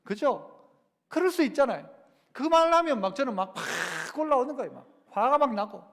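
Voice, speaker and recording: A man's voice: very high-pitched, normal speed, gravelly, long reverb tail. A man preaching a sermon as pastor, talking with the congregation through rhetorical questions and acting out quoted lines. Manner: acts out quoted lines in a lively voice. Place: church sanctuary.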